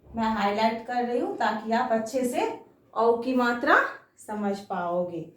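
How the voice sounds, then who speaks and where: Slow, patient Hindi teacher woman. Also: on the high side, echoey room, far from the mic. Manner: slow, patient, drawn-out syllables with frequent questions. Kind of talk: children's Hindi lesson.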